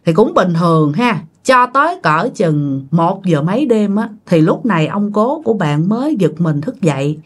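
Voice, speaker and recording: A woman's voice: lowish voice, very animated, moderate pace, few pauses, slightly rough. A woman telling a ghost story in a casual, chatty way, talking straight to her listeners. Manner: chatty, addresses listeners directly.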